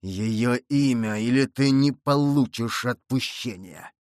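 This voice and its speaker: A man's voice: medium pitch, slow, no echo, clean studio sound, close to an everyday voice. A man reading an audiobook and voicing a young avenger disguised as a monk, stern and accusing. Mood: demanding.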